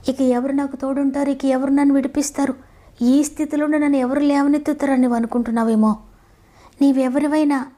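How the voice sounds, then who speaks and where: A woman's voice: sits high, mellow. A woman giving an earnest devotional sermon and prayer, with pleading, repetitive appeals. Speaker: preacher.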